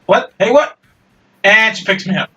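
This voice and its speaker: A man's voice: high-pitched, expressive, moderate pace, sharp tone, dull audio. A young man hosting a let's-play, reading a dating sim aloud with casual, wry asides. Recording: distant mic, faint music.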